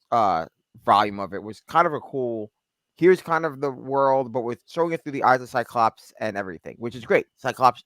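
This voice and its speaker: A man's voice: medium pitch, a bit bright, no room sound. A man co-hosting a podcast in casual chat, rambling with lots of fillers and restarts. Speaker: podcast co-host.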